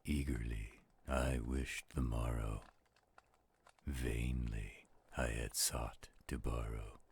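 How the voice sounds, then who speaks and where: This man's werewolf character is gruff yet gentle and fatherly, voiced deep, husky and gravelly for an intimate audio roleplay. He takes his time, and his heavily acted recitation has a brooding feel.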